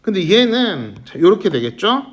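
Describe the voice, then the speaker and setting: A man's voice: sits high, normal speed. A man teaching an English grammar lesson to a middle school class, constantly quizzing his students and calling on them by name. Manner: lively, questioning students constantly. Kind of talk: classroom lecture.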